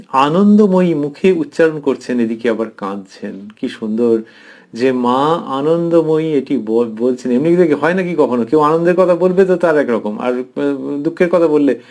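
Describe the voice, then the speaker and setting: Lingering slowly over phrases, a male professor gives a tender, reflective devotional lecture commentary in a slightly high voice. His speech includes thoughtful pauses and soft fillers.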